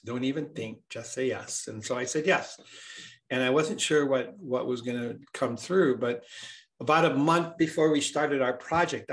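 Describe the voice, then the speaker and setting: Speaking at a medium pitch, a Hawaiian man who works as a healer appears as an interview guest. He talks earnestly and reflectively, often repeating words while he searches for the right ones.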